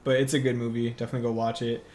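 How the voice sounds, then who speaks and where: A man co-hosting a podcast, chatting casually about movies, relaxed and quick to laugh. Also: mid-range voice, a little hiss or hum. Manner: relaxed, laughs often, lots of fillers. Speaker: podcast co-host. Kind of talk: casual movie review chat.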